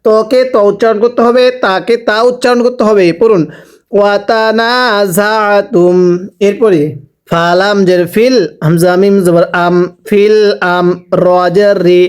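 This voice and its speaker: A man teaching Quran reading, spelling out each letter and vowel mark slowly, then asking the listener to repeat after him. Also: sits high, steady tone, clear, resonant tone. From Bangladesh. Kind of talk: slow spelling-out recitation lesson.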